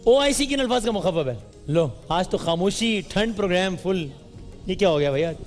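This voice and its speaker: A man hosting a live studio quiz, teasing and bantering quickly with the audience. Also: high-pitched, animated. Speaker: game show host. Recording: roomy hall with music and crowd.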